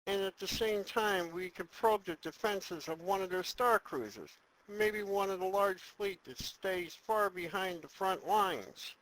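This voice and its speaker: A man's voice: high voice, a little slow, hardly any pauses, fairly bright tone, dry recording, rough recording. A man playing a cautious, deferential advisor to an evil space emperor, formal and wary, in a comedic audio drama. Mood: wary, dry.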